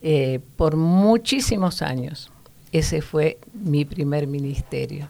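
Her voice low and creaky, her pace slow, a middle-aged woman relates a childhood episode as a guest in an easygoing interview. She narrates with energy, slipping into the voices of her childhood self and her sister.

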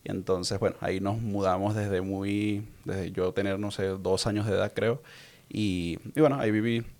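A young adult man with a Venezuelan accent shares casual personal testimony as an interview guest, meandering and repeating words while he searches for them. His voice is on the low side and a little mellow, with fairly even intonation at a normal speed.

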